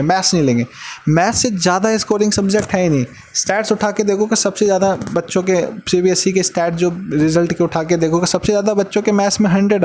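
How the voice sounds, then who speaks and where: High-voiced male maths teacher. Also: darkish tone. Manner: talks like a big brother, repeats words for emphasis. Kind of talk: casual classroom lesson and advice to students.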